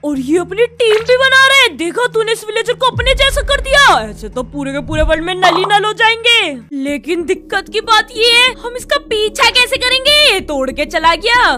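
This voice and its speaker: Young female game co-host, very high bright voice, chatty, quick alarmed exclaims. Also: big pitch swings. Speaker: gaming video co-host. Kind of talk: excited gameplay commentary.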